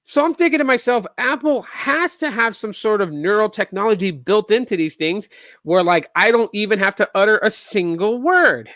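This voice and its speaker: Male tech podcast host in his 30s, bright, slightly high voice, dry close sound, rambling and sarcastic. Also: normal speed, no room sound. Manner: rambling, animated, sarcastic asides with many restarts. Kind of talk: casual solo tech chat.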